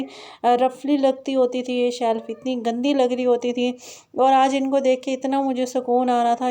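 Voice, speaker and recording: Brief: young woman, home vlogger, rambling chatty voice-over, fairly high and quite level in pitch. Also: warm tone. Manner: chatty, rambling, many "na" fillers and restarts. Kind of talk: casual voice-over narration of a home vlog.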